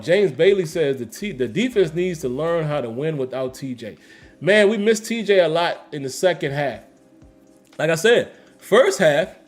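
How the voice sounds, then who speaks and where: Emphatic man reading live chat. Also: fairly high pitch. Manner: emphatic, repeats phrases, slangy. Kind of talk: casual livestream commentary.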